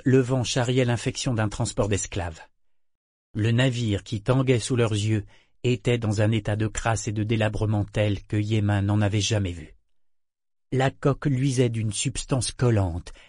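A man giving a measured, scripted audiobook narration on a close studio mic. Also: medium pitch, a little mellow, no room sound.

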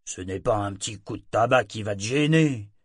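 A man reading an audiobook voices a weary ship's mate who answers curtly and gruffly. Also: mid-range voice, expressive, measured pace, dry recording, clean studio sound. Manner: gruff, curt.

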